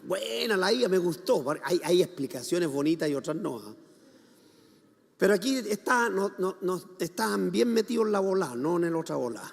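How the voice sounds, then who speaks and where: An older pastor preaches with a high, gravelly voice. He calls the congregation to answer him and swings from shouts to quiet asides. His voice rings through a reverberant church hall. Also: very animated, moderate pace. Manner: dramatic, shifting between shouts and soft asides. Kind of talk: sermon.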